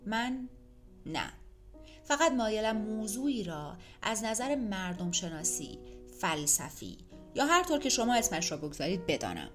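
A woman voicing an odd, curious beggar man nicknamed the millionaire, who asks calm, probing questions with a hint of amusement. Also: mid-range voice, faint music behind, lightly acted.

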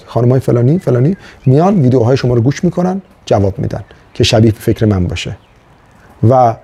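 A middle-aged man from Iran delivers a motivational video monologue with a gravelly, husky voice. His tone is dark and earnest as he urges his students on, weaving stories into his talk. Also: mid-range voice. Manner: earnest, exhorting, storytelling. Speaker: motivational speaker and professor.

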